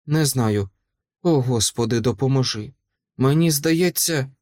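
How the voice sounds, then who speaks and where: A man's voice: mid-range voice, measured pace, a little mellow, no echo, clean studio sound, lightly acted. A man voicing a devout, stern woman in labor, strained and pleading.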